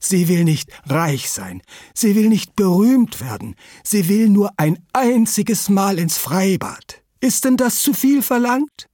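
Man voicing a shrill, pushy blind hen. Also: very animated, takes it slowly, dry recording, studio quality, exaggerated voice. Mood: indignant. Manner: loud, indignant, unstoppable.

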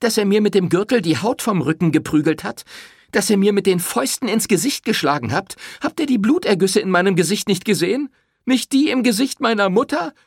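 A man reading an audiobook, voicing a furious, defiant young woman who shouts her accusations. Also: sits high, creaky, breathy edge, no echo, studio quality, pitched above the performer's own voice, heavily acted. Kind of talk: audiobook character voice.

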